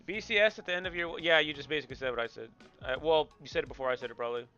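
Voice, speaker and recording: A man's voice: a little high, racing, sharp tone, highs cut off, faint music behind. A man streaming a game, chatting casually with viewers in a joking, rambling way and repeating himself.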